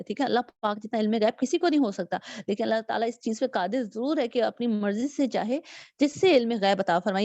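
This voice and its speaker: A woman's voice: mid-range voice, a little mellow, dry recording. Woman teaching a religious lecture, muffled. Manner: explains step by step, reads scripture translations aloud with hesitant fillers. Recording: dull, dry lo-fi recording.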